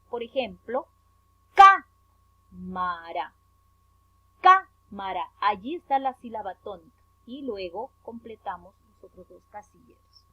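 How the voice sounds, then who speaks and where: A woman's voice: fairly high pitch, husky, no echo. A woman from Peru teaching a primary school lesson, going carefully through a worksheet and stressing each syllable as she spells words out. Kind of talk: remote class lesson explaining worksheet. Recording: tinny phone-like audio, dry.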